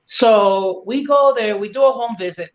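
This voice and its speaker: A woman's voice: fairly high pitch, measured pace. Wry woman in a roomy, dull recording. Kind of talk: casual chat.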